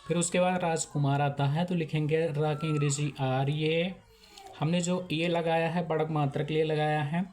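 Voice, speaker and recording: A man teaching name spellings step by step, in a slow, repetitive way. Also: fairly high pitch, level tone, darkish tone, slight background noise. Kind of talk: handwriting lesson.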